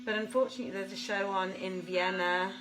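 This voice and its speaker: Brisk and fairly even in intonation, a woman's mid-range voice comes through a noisy background during her casual livestream reading at home, where there's a desk and piano. Over soft music she chats, mutters to herself and sounds apologetic.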